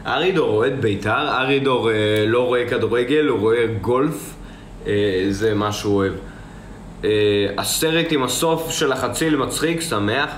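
A man's voice: medium pitch, reverberant, slight background noise. A young man chatting casually on a live stream, answering viewers and rambling, often repeating himself. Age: young adult. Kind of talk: casual live-stream chat, reading comments aloud.

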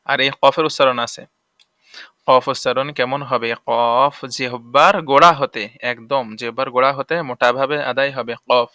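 Bright, clear man teaching Arabic letters. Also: mid-range voice, dry recording. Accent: Bangladeshi Bengali. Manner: explains slowly, drills letter sounds aloud; asks "okay?" to check understanding. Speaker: Quran reading teacher. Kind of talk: spoken lesson.

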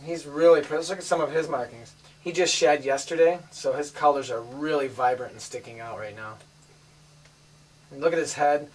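A woman's voice: low-pitched, fairly quick, darkish tone, breathy edge. A woman hosting a casual family home video, chatting upbeat and coaxing the kids along as she shows things off. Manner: upbeat, coaxing the children on camera. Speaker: host showing a family snake collection. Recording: distant home camera audio, light hiss.

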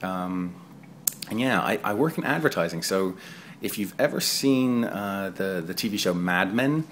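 A man's voice: deep voice, lively intonation, a little slow, slight background noise. A man in his thirties who grew up in England, giving casual, digressive voice-over commentary on his own gameplay. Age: 30s. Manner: conversational and digressive, chatty asides. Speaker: gaming video creator.

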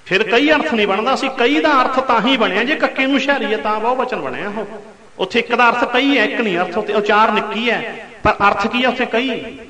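A man preaching a Sikh katha sermon, his voice high and ringing. He draws out chanted scripture lines, then presses on with pointed rhetorical questions. The sound is bright and carries a long reverb, as in a large hall. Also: fairly quick.

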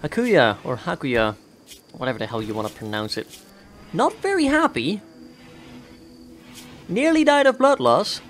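A man's voice: high voice, huge pitch swings, normal speed, long pauses, slight background noise. A young man casually commentating his gameplay in a chatty, upbeat way, thinking aloud as he plays. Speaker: let's play host. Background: background game music.

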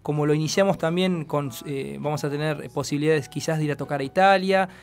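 A man with an Argentine accent and a fairly high voice speaks as a radio guest. He explains things earnestly in long sentences, with faint music behind him. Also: fairly even intonation, quick pace. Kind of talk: casual radio interview. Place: small radio studio. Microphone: close studio microphone.

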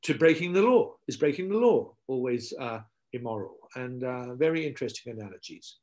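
An older man appears as a guest philosopher in a casual video-call interview from his home study, heard through a laptop mic. His medium-pitched voice runs a little fast as he tells stories with animation, repeating words while he thinks.

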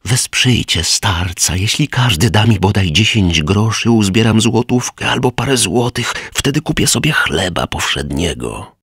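A man's voice: fairly low pitch, expressive, unhurried, hardly any pauses, a bit bright, husky, no room sound, clean studio sound, pitched above the performer's own voice, full character voice. A man voicing a shrewd, sly old beggar who sits on the steps of a church, in a spoken storybook. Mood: pleading.

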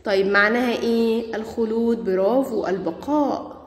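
A woman's voice: on the high side, moderate pace. A woman with an Egyptian Arabic accent teaching primary school grammar, asking questions and praising her pupils. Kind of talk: classroom grammar lesson. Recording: echoey room with long reverb.

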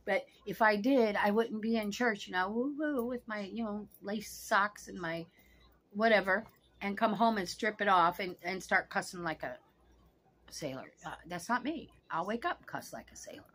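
A sixty-something woman on her couch in a small home room speaks directly to the camera in a casual vlog, frank and cussing freely. Her voice is mid-range with a fairly bright tone at a normal speed.

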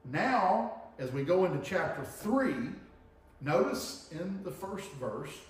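Middle-aged guy preaching, chatty teaching style, a bit high voice, heard from far off in a big echoey church. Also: very animated, slow pace. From Tennessee, US. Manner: conversational teaching, frequent "okay?" and "right?" checks. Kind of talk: sermon. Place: church sanctuary with projector screen. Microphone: room mic from far camera.

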